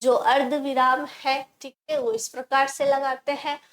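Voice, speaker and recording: A woman's voice: high-pitched, little pitch movement, unhurried, poor audio. A woman teacher explaining a grammar lesson step by step, asking the class questions and answering them herself. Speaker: Hindi teacher.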